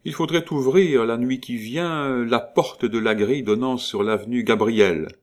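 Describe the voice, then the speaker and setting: Man doing a scheming gentleman swindler. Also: mid-range voice, unhurried, pitched above the performer's own voice, natural voice. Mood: persuasive. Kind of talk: audiobook reading.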